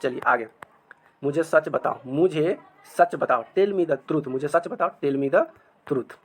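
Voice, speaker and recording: Man, a patient teacher who drills each sentence slowly. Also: fairly high pitch, husky. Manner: says each English sentence very slowly, then repeats it. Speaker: English teacher. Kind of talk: spoken English lesson.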